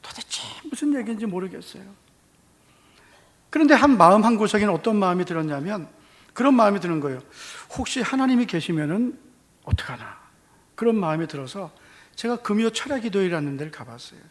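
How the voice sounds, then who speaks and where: A man with a Gyeongsang Korean accent preaching a testimony sermon, telling his story with lively acted-out dialogue. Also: high voice, fast talker. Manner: animated storytelling, acting out dialogue. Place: church hall. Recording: long church reverb.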